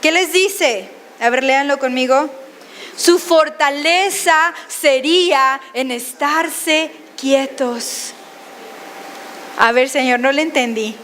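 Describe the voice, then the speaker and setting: A woman preaching a sermon, animated and often questioning the congregation. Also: high voice, slow pace, in a large hall, slight background noise.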